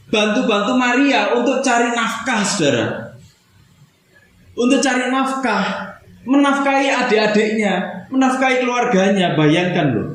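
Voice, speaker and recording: A man preaching a sermon in a casual, conversational way, often turning to his listeners with a question. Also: high voice. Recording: very echoey room with faint noise.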